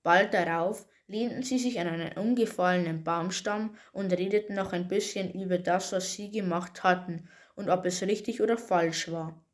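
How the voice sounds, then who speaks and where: Eine Frau liest ein Märchen vor. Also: female voice, fairly low pitch, moderate pace. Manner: plain, steady reading with small slips. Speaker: storyteller. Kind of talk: reading a fairy tale aloud.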